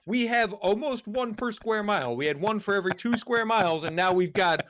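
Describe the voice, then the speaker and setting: A man's voice: sits high, lively intonation, a little fast, fairly bright tone, no echo. A man from Massachusetts, a guest on a chat show, talking in an easygoing, self-deprecating way. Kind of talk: casual podcast chat.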